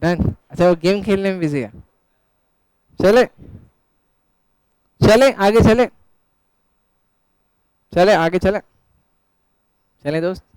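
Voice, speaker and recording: A man's voice: high voice, slow, long pauses, a little mellow, clear, resonant tone, no echo, poor audio. A male teacher giving a live classroom lecture, asking questions and answering them himself, and teasing his students in chatty banter.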